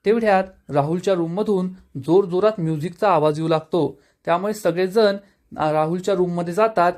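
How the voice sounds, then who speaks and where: A man narrating a scripted episode recap of a TV serial, steady storytelling that reads out every quote plainly. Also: high voice, brisk.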